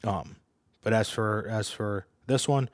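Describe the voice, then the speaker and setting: A man's voice: lowish voice, slow pace, dry recording, studio quality. A man hosting a solo sports show, chatty and loose, full of ums and restarts. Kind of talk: solo sports podcast talk.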